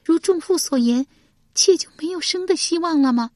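A woman's voice: high-pitched, moderate pace, a little mellow, no room sound, studio quality, pitched above the performer's own voice, natural voice. A woman reading an audiobook voices a distressed noblewoman, a widowed lord's wife, pleading tearfully and anxiously. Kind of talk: audiobook character voice.

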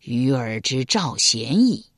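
A woman voicing a grave, dignified ancient king who speaks slowly and solemnly in a storybook reading. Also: a bass voice, sing-song, no echo, studio quality, voice pushed down, exaggerated voice. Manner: slow, measured, solemn.

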